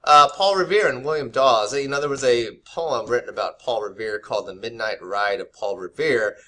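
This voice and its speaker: A man's voice: medium pitch, normal speed, bright, forceful tone. A man giving an unscripted history lesson to camera, loose and conversational, with many fillers and restarts. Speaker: history teacher. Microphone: camera mic.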